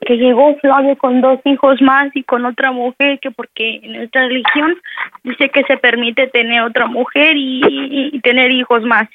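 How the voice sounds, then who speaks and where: A woman's voice: sits high, steady tone, moderate pace, crowd noise. A woman playing an upset young mother who calls her mom and then defends her home against a rival, stammering at first and defiant later. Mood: pleading. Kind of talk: radio prank sketch. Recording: dull lo-fi radio phone line.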